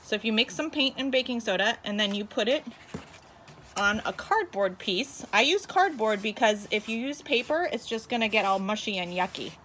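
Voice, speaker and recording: A woman with a fairly high voice speaks like a kids show host. She addresses small children in a sing-song, encouraging teacher's manner as she demonstrates simple activities step by step. It is a homemade recording with some background noise. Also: animated, normal speed, a bit bright. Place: inside a home.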